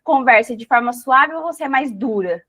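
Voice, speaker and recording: A woman's voice: high voice, animated, moderate pace, sharp tone, no room sound. A woman mentor teaching a live online class, encouraging and asking her listeners reflective questions.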